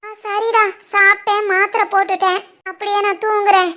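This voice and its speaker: A woman voicing an elderly mother with a sore leg in an animated family drama, groaning and drowsy. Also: very high-pitched, a little fast. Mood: sore, sleepy.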